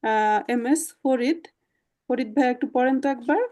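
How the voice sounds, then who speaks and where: A woman's voice: sits high, moderate pace, darkish tone. A woman teaching German in an online class over a video call, explaining patiently step by step with many fillers.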